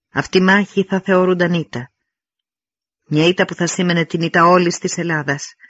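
A man voicing a wounded warrior king who speaks with loud, forceful declamation. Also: fairly high pitch, dry recording. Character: defiant wounded warrior king, fierce and commanding. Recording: dry, slightly dull recording.

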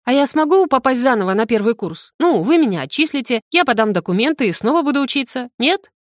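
A flustered young student girl, as a woman narrator puts her on, protesting in a raised, exclaiming voice. She argues back quickly and sounds indignant. The recording is dry and close. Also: big pitch swings, no echo. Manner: high, exclaiming, argumentative. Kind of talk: audiobook character voice.

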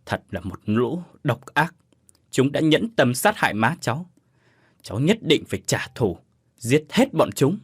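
A desperate young son cries out in a spoken ghost story, as a male narrator puts him on. He speaks, his husky voice swinging widely in pitch. The sound is close and dry. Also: lively intonation, fairly quick, no echo. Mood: distraught. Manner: pleading, agitated outbursts. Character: anxious young man, grieving and vengeful.

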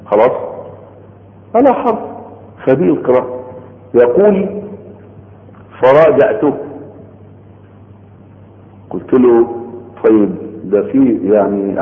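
A man with an Egyptian Arabic accent gives a religious studies lecture. He explains step by step, repeats his points and keeps checking that his listeners are following. The recording rings with a long hall echo and sounds thin and phone-like. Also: on the low side. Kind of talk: Egyptian colloquial lecture on Quran sciences. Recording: echoey hall on a tinny phone-like line.

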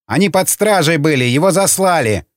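Jittery male informer, high and rushed, pleading and insistent, as a narrator puts him on. Storybook. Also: sing-song, no room sound, clean studio sound. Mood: agitated. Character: excitable male prisoner, nervous informer.

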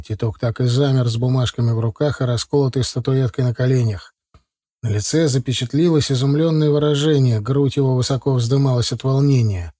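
Calm, dark-voiced male narrator. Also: mid-range voice, no echo, clean studio sound. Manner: measured, calm storytelling. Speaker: audiobook narrator. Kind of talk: scripted first-person narration.

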